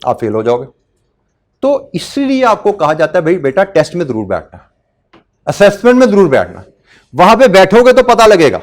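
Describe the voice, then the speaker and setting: Middle-aged male lecturer; high, very animated voice; earnest, repeats his advice. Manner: earnest, repeats points, addresses students as beta and bhai. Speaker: teacher.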